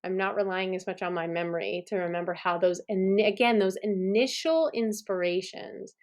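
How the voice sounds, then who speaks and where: A middle-aged woman teaching songwriting in a relaxed, chatty way, encouraging and laughing at herself. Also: mid-range voice, normal speed. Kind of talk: relaxed instructional talk to camera.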